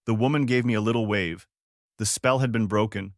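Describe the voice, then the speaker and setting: A man telling a first-person story in a measured, even narration. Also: on the low side, no room sound, clean studio sound.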